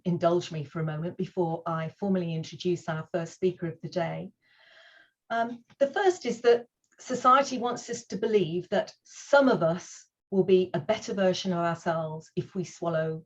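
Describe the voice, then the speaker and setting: Her voice lowish and the audio's highs cut off, a woman kicks off an online conference via video call. She is earnest and reassuring while welcoming everyone and introducing the first speaker.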